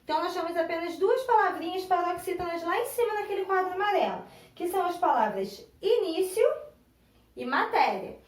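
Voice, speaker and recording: In an echoey classroom, with her voice coming from a distance, a Brazilian teacher speaking with a Brazilian Portuguese accent leads a recorded online grammar lesson. Very high-pitched, animated and brisk, she patiently breaks words into syllables and repeats them.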